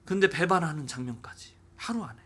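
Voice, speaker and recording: Bright high-voiced male pastor. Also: fairly quick, husky. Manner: animated, acting out dialogue in quotes. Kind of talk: sermon.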